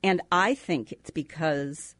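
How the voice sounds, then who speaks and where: A woman's voice: low-pitched, slow pace, fairly bright tone, no echo. A middle-aged woman hosting a food podcast, chatting enthusiastically and laughing easily. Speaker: podcast host. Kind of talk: casual food podcast chat.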